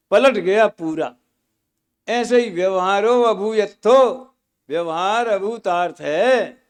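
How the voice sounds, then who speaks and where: A man's voice: high-pitched, smooth. A man teaching scripture at a study camp, explaining terms patiently with homely examples and repeating key words.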